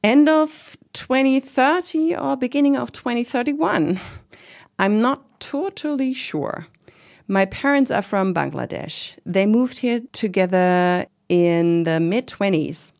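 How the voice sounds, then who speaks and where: A woman's voice: fairly high pitch, expressive, takes it slowly, vocal fry, a little mellow, full character voice. A woman playing a proud middle-aged commune organizer in an interview drama, talking in a casual, reflective, lightly wry way. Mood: reflective, candid. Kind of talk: conversational oral-history interview acting.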